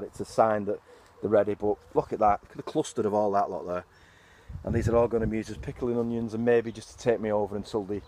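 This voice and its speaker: A man's voice: medium pitch, darkish tone, a little hiss or hum. Man, middle-aged, casual allotment vlog, chatty and rambling, a bit out of breath, recorded outdoors on a phone. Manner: chatty, rambling, mild swearing. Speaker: allotment vlogger. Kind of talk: casual garden tour vlog.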